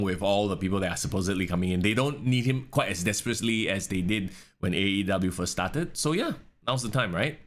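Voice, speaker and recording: A man's voice: lowish voice, a bit bright. A young man with a Singaporean English accent, co-hosting a wrestling podcast in casual, sarcastic chat, swearing freely. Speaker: podcast co-host.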